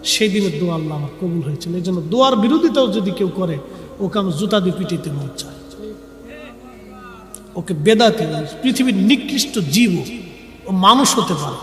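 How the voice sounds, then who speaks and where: Echoing, high-voiced male preacher. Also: lively intonation, normal speed. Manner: emotional, pleading, emphatic with repeated phrases. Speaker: Islamic preacher. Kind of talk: impassioned waz sermon to a gathering. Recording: echoey hall with long reverb.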